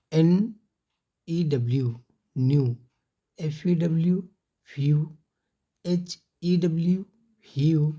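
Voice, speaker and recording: A woman's voice: low-pitched, mellow. A woman teaching English pronunciation, spelling letters one by one and then saying each word. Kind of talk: slow spelled-out phonics lesson.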